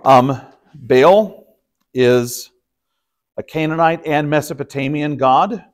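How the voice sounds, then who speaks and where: A man's voice: fairly high pitch, slow pace. Male pastor teaching a casual Bible study. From Texas. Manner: conversational, explanatory, with frequent fillers and restarts. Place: church study room.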